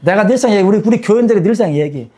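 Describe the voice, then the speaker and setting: A male pastor preaching a sermon in a blunt, scolding way with rough slang and jokes, leading his congregation in call-and-response. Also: high voice, expressive, fast talker, mellow. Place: church service with a congregation.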